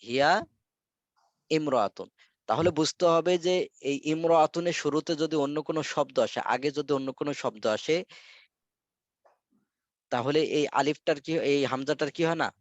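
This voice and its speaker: A man's voice: fairly high pitch, moderate pace, no room sound. Patient man drilling words, dull call audio. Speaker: Arabic teacher. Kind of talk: online class teaching. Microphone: video call.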